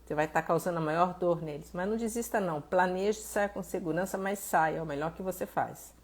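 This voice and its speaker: A Brazilian woman therapist talking casually on a live stream, reading out viewers' messages and answering them with animated, acted-out exclamations. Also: on the low side, fairly quick. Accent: Brazilian Portuguese. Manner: animated, conversational, reads viewer messages aloud and acts out exclamations.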